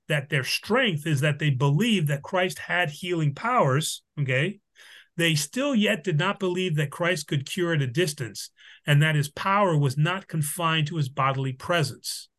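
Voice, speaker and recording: A man, a priest leading a Bible study, teaching in a casual, halting way with many fillers and restarts. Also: on the high side, a bit bright.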